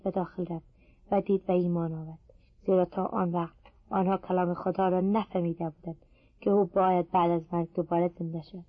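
A woman reading scripture aloud in a steady, measured voice. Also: mid-range voice, dry recording, dull audio. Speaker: scripture reader.

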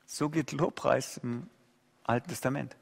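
A male pastor preaching an impassioned sermon, swinging between loud outcries and hushed low asides. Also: fairly even intonation, unhurried, creaky. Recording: long hall reverb.

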